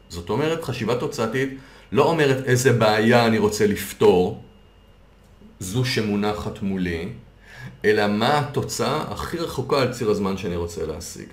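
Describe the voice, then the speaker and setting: A man coaching on a podcast, patiently explaining ideas through worked examples. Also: on the low side. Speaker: coach and consultant. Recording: roomy echo.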